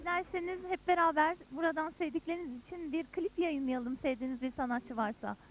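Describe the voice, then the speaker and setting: A woman's voice: sits high, a little fast, rough recording. A woman presenter interviewing guests in a broadcast field report, putting questions to them.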